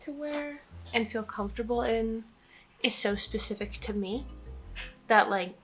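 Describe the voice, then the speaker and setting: A woman's voice: fairly high pitch, unhurried, a bit bright, soft background music, poor audio. A young American woman chatting casually and candidly in a Q&A vlog, self-deprecating and swearing freely. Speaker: vlogger.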